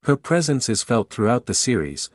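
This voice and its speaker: A man's voice: mid-range voice, big pitch swings, normal speed, no room sound. A man hosting a video and reading scripted narration.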